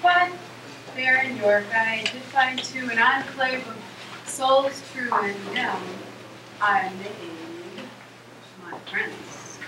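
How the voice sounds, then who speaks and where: A woman playing a melancholy poet-heroine, declaiming theatrical monologues with deliberate phrasing. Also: on the high side, lively intonation. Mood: declamatory. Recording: echoey, noisy, distant room recording.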